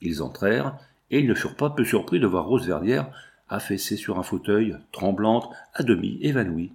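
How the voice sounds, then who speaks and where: A man narrating a classic novel as an audiobook, in a measured, expressive storytelling manner. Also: fairly low pitch, vocal fry.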